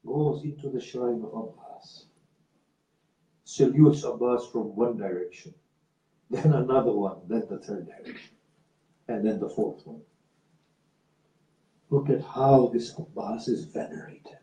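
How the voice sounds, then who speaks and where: A man preaching a sermon with a very dark, mellow voice. He speaks in a measured, emphatic way. He is recorded from a distance in an echoey hall. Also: mid-range voice, highs cut off. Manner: measured, slow emphatic delivery with rising passion in quotes. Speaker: religious speaker. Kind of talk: sermon with a narrated story. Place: community centre hall. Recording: roomy hall from far off.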